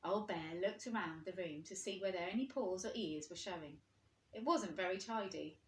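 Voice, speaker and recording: Like a teacher, a woman reads a storybook aloud to young children, expressively and with questions for her listeners. Her voice is lowish and her pace normal, recorded in a roomy indoor space with echo.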